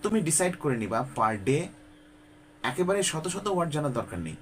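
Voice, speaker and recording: A man from Bangladesh teaching spoken English in a casual, direct way, often asking the listener rhetorical questions, pausing with fillers and dropping English phrases into his talk. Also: fairly high pitch, big pitch swings, a little hiss or hum. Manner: conversational, addresses viewer directly with frequent rhetorical questions; frequent hesitation fillers. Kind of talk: informal spoken-English lesson.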